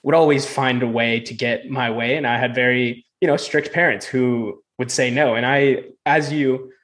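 A man's voice: mid-range voice, fairly even intonation, moderate pace, fairly bright tone. Man, young adult, mid-range voice, podcast host, casual interview, rambling questions. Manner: asks long rambling questions with many fillers.

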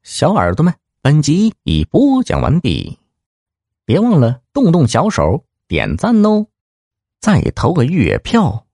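Fields: Sex: man. Role: storyteller. Style: audiobook story narration. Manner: lively, expressive. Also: fairly high pitch, slow pace, husky, no room sound, clean studio sound.

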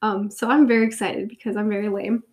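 A woman in her twenties with a cold hosts her own podcast, chatting casually on her own in a congested, nasal, sniffly voice. Her voice is mid-range, steady, quick and a little mellow. She rambles, giggles and jokes at her own expense.

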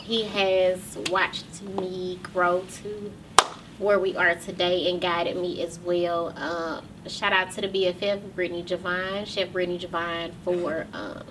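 Woman, show host, casual and rambling, holding back tears, bright voice, distant mic. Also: on the low side, flat delivery, slight background noise. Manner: loose and chatty, with many ums and pauses. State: close to tears. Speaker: podcast and talk show host. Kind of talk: casual address to viewers.

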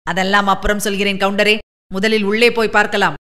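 A woman voicing a blustering, cowardly city man who talks fast and loud. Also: mid-range voice, level tone, natural voice. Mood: anxious.

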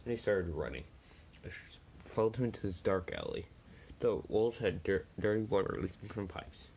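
Low, dark-voiced man reading a story. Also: normal speed, husky, low-quality recording. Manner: plain reading with small slips and restarts. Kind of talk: reading a first-person story aloud.

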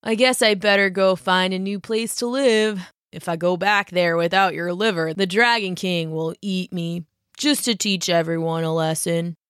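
Woman doing a gentle, soft-spoken turtle. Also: lowish voice, steady tone, moderate pace, hardly any pauses, clear, resonant tone, no room sound, clean studio sound, lightly acted. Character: gentle, guilty male sea turtle.

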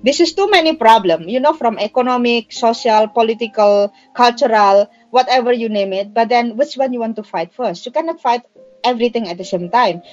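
A woman speaks in a fairly high voice. She sounds like a seasoned campaigner giving an impassioned interview answer, stressing and repeating key phrases, with music in the recording. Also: darkish tone, dull audio. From Indonesia. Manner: emphatic, explanatory, repeats phrases for emphasis. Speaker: migrant workers' organizer and activist.

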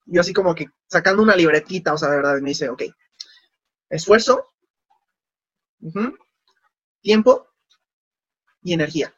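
A man's voice: fairly high pitch, moderate pace, pauses often, husky, no echo, dull audio. A man, casually telling stories in an interview and acting out the dialogue. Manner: animated, acts out quoted dialogue. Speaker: guest.

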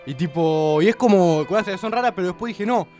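Young man, Argentine accent, very fast talker, earnest rambling, faint music. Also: sits high, mellow. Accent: Argentine Spanish. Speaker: guest. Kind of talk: casual chat.

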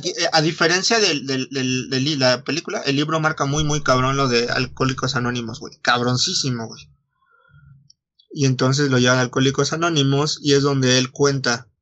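A man's voice: medium pitch, fairly bright tone. A young man with a Mexican Spanish accent retelling a novel in casual chat, full of slang and swearing, saying "güey" at every turn. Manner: slangy, swears often, says "güey" constantly, restarts lines.

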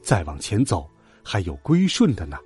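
A man voicing a stern but motherly female bodhisattva in a children's story, speaking slowly and softly. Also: low voice, wildly swooping pitch, husky, dry recording, faint music behind, voice pushed down, full character voice. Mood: stern gentle. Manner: slow, soft, lecturing.

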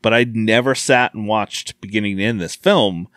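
A man who is a guest on a casual film discussion podcast, talking in a relaxed way and laughing easily. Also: fairly low pitch, normal speed, dry recording.

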